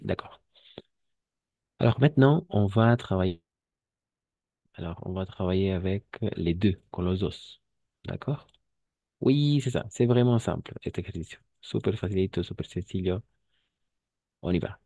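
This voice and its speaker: Deep-voiced man teaching French in Spanish. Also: animated, a little slow, vocal fry, long pauses, dark tone, no echo. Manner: patient, switches between Spanish and French, drills pronunciation. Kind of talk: online class, explaining in Spanish and French.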